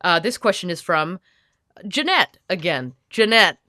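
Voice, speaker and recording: A woman's voice: fairly low pitch, animated, pushed and bright, no echo, studio quality. A woman hosting a comedy podcast as a fussy, intense perfectionist who lectures emphatically into a podcast microphone. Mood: fussy, amused. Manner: fussy, emphatic, lecturing, quick to get heated. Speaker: podcast host in character.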